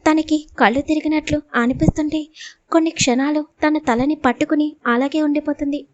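A woman storyteller reading a scripted audio story with steady, dramatic narration, close to the mic. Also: sits high, a little fast, no room sound, dull audio.

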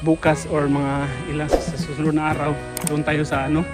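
A man's voice: a little high, level tone, brisk, over loud music. A Filipino man talking to his viewers while he digs through trash bins outdoors in the heat, out of breath and sweaty. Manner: chatty, addresses viewers often. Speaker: vlogger. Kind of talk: casual vlog narration while dumpster diving. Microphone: self-filmed camera.

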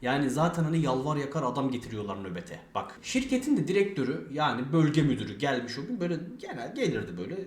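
Young male streamer, rapid rambling anecdote voice with lots of swearing, roomy echo. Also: medium pitch, big pitch swings, slight background noise. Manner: fast, rambling, swears a lot, acts out quoted dialogue. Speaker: streamer telling a story. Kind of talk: casual storytelling with heavy swearing.

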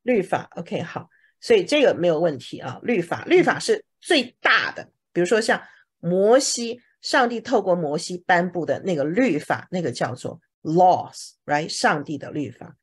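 A woman's voice: fairly low pitch, sing-song, normal speed, breathy edge. A woman teacher explaining English words to a class, often stopping to ask if anyone has questions. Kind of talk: classroom vocabulary lesson.

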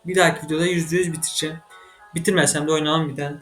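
Excitable man narrating his gameplay. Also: on the high side, racing, faint music behind. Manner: excitable, frustrated, swearing at the game. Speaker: gaming channel host. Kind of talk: let's-play commentary.

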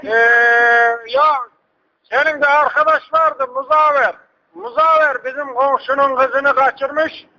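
A man's voice: extremely high pitch, steady tone, slow, bright, forceful tone, heavily acted. A man playing a hard-of-hearing, rambling, persistent old village uncle in a prank phone call. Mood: rambling, insistent. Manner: repetitive, rambling, asks people to speak up. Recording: dull lo-fi phone prank recording.

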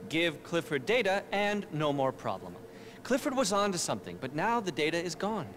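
An actor playing an arrogant, manic middle-aged tech billionaire in a video game, pompous, as if giving a keynote speech. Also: male voice, a little high, big pitch swings, moderate pace. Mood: paranoid, self-pitying. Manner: pompous, self-important, keynote-speech delivery.

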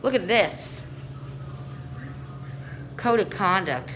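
A man's voice: sits high, expressive, extremely slow. A man filming and narrating a walk through an indoor shopping mall on his phone, talking to viewers with frequent ums. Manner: hesitant, many ums, talks to viewers. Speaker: vlogger filming elevators. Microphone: handheld phone camera. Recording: noisy mall ambience.

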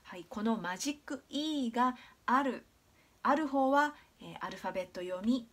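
A Japanese woman teaching English pronunciation in a video lesson, patient and clear, demonstrating sounds slowly with many drawn-out fillers. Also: on the high side, lively intonation, fairly bright tone.

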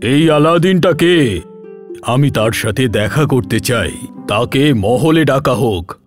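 Man putting on a deep slow king voice, regal and measured, music in the back. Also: lively intonation. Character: stately older male king, deep and dignified.

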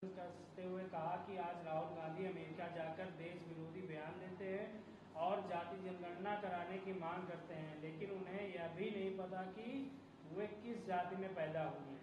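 A man giving a brisk news report. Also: sits high, fairly even intonation. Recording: distant, roomy, noisy.

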